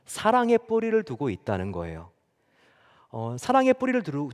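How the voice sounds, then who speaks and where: A male pastor preaching a sermon, animated and conversational, telling stories with acted quotes. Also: medium pitch. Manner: lively storytelling with chuckles and acted quotes. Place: church sanctuary. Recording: long church hall reverb.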